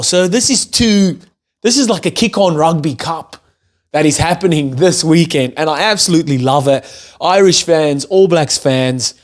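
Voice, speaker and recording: A young man from South Africa with a South African accent carrying an Australian twang, hosting an enthusiastic, chatty rugby video and hyping up a match to his viewers. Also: on the high side. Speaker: rugby YouTube host. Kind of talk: casual hyped-up commentary to camera.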